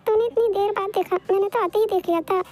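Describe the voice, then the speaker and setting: A woman's voice: extremely high pitch, fairly even intonation, fast, faint music behind. Woman doing a scolding big sister. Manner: sharp, scolding retorts. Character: stern scolding older sister. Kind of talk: Hindi fan voice-over dub.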